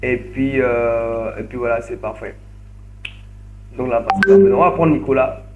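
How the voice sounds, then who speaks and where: A man's voice: medium pitch, lively intonation, unhurried, narrow, tinny audio, over music. A man leading an online training session, narrating each click step by step and often repeating words over a video call. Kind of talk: screen-share tutorial.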